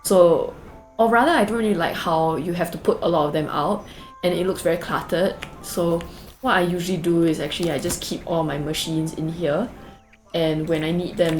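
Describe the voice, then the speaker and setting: Speaking in a low, steady voice at a moderate pace, a young Singaporean-accented woman who makes gaming videos walks viewers through a cozy game. Her narration is chatty and meandering, with lots of "like"s, fillers, and side comments, and quiet music sits faintly in the background.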